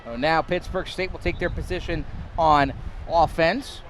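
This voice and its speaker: Young man, play-by-play commentator, excitable, slightly high voice, faint background noise. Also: a little slow. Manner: excitable, rises to shouts on big plays, some stumbles. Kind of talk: live college football play-by-play.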